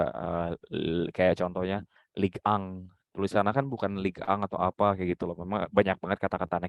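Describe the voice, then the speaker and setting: Low-voiced man giving frank coaching. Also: no echo. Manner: direct, instructive, demonstrates intonation. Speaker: journalism mentor giving feedback. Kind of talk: coaching critique.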